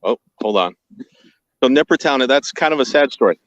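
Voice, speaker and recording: A man joining an interview by phone, relaxed and a bit halting as he tells his story. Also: mid-range voice, no echo. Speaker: interview guest. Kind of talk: casual conversation. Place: outdoors on a hill. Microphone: phone on a video call. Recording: dry, muffled phone call.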